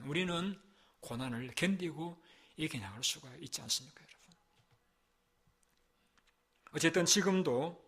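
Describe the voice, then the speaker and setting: A male pastor giving a Sunday sermon, emphatic and repetitive, swinging between loud stressed phrases and soft low passages, with rhetorical questions to the congregation.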